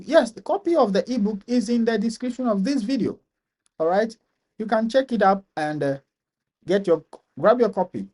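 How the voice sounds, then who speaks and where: A channel host with a Ghanaian accent answers viewer questions on a live-stream Q&A, reading each comment aloud before he responds. His voice is a little higher than most men's, with a darkish tone, and he often repeats phrases for emphasis.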